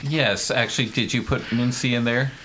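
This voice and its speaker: A man chatting casually as a player in a tabletop game, making quick joking remarks. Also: medium pitch, steady tone, a bit bright, slight background noise. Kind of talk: casual chat.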